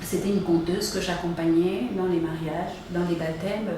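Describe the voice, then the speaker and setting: A woman's voice: on the low side, fairly even intonation, moderate pace, warm tone. Cameroon-born woman explaining her event work, sounds far off in a really echoey room. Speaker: event organizer, guest. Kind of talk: interview answers. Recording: echoey room, far from mic, faint noise.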